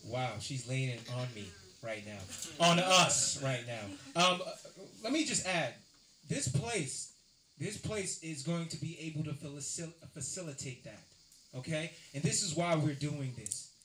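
High bright-voiced man hosting a panel. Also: unhurried. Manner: exclamatory, animated cheerleading. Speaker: event host and moderator. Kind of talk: live panel talk. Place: event space with live audience. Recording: echoey event room.

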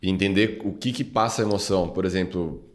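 Male co-host, low voice, quick chatty remarks. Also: roomy sound. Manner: quick interjections. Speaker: podcast co-host. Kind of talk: casual podcast chat.

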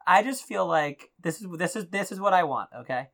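A woman hosting a casual chat in an informal, halting, teasing way. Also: fairly low pitch, lively intonation, vocal fry, a crowd in the background. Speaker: podcast host.

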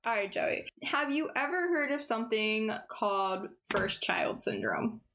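A woman's voice: on the high side, expressive, a little slow, fairly bright tone, a little hiss or hum. Chatty young woman hosting a podcast. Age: 20s. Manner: chatty, laughs often, swears casually. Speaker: podcast host. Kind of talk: casual sibling banter.

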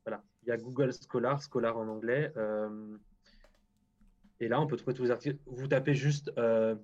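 A man's voice: mid-range voice, fairly even intonation, moderate pace, darkish tone, dull audio. A man speaking as a guest scientist in a casual interview, frank and hesitant, often restarting his sentences.

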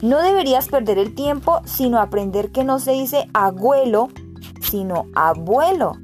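Woman doing a grumpy little male rabbit, arrogant, scolding, storybook reading, high voice. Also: animated, normal speed, soft background music, close to an everyday voice. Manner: grumbling, know-it-all scolding.

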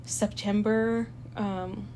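Speaking extremely slowly in a mellow, mid-range voice with little pitch movement, this young woman from El Salvador chats as a student guest. Spanish is her first language; she's chatty, hesitant, full of fillers and quick to laugh, and the recording has a slight hiss or hum.

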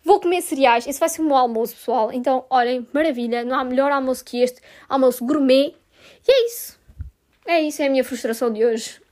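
A woman's voice: high voice, quick pace, hardly any pauses, darkish tone. A young woman with a European Portuguese accent hosting a casual podcast, venting her frustration with swearing and sarcasm. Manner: exasperated, swears a lot, sarcastic. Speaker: podcast host.

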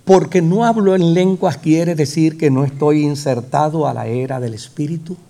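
A man from Puerto Rico, speaking with a Puerto Rican Spanish accent, preaches a sermon in a warm, fairly high voice at a normal speed. He builds emphatic repetitions and rhetorical questions up to fervent peaks.

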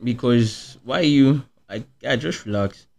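A man chatting casually as a podcast co-host, at an ordinary medium pitch. His talk is loose and rambling, packed with fillers and frequent laughter. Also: slow pace, gravelly, a little mellow. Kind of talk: casual chat.

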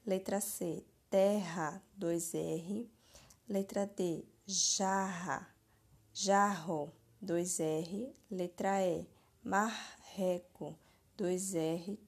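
Slow, husky woman teacher. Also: lowish voice, fairly even intonation. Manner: slow, deliberate, spelling words out for young children. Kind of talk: slow classroom answer-key reading.

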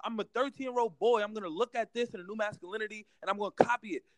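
High-voiced young American man, emphatic and slangy. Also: racing, no room sound. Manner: emphatic, repetitive, slangy, says bro constantly. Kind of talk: heated casual debate.

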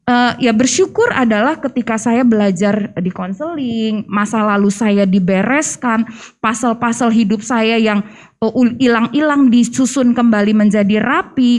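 A woman's voice: on the high side, moderate pace. A woman counselor and co-host, telling personal stories in casual talk, acting out dialogue. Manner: animated storytelling, acts out quoted dialogue. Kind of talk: casual talk-show sharing.

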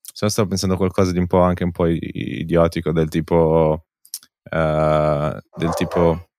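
A man's voice: low-pitched, little pitch movement, moderate pace, a little mellow, a little hiss or hum. A man co-hosting a podcast, chatting casually and bluntly and dropping English phrases into his talk. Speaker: podcast co-host. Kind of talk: casual chat, informal commentary.

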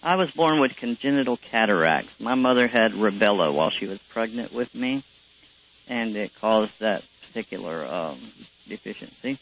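A man's voice: on the low side, expressive, moderate pace, slight background noise. Easygoing man in his forties, lo-fi. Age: 40s. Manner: easygoing, dry humor. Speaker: guest. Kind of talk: casual interview.

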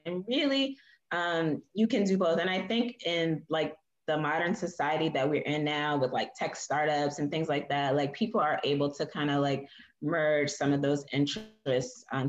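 A woman's voice: low voice, moderate pace. Chatty woman in an echoey room. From Philadelphia, USA. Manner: chatty, lots of "like" and "um". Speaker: guest. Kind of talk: casual interview conversation. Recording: echoey room, dull lo-fi sound.

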